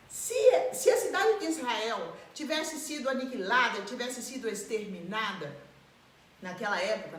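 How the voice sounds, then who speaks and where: A woman preaching a live sermon in an animated way, acting out the voices of people she describes. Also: mid-range voice, slight background noise. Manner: animated, acts out quoted voices and laughs. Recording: echoey room.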